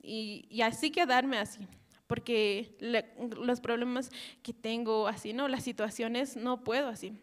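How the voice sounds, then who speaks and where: A woman with a Bolivian Spanish accent shares a personal testimony before a church gathering. Her voice sits a little high, and she speaks haltingly, often breaking off and tagging her sentences with small questioning words. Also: fairly even intonation. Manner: halting, repeats "¿no?" and "así" often, laughs softly. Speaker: church volunteer giving testimony.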